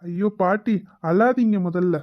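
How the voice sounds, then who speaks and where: A man's voice: high-pitched, measured pace, no room sound, highs cut off. A man doing a cheeky, teasing young grandson. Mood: playful. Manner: teasing, playful. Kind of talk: web drama voice acting.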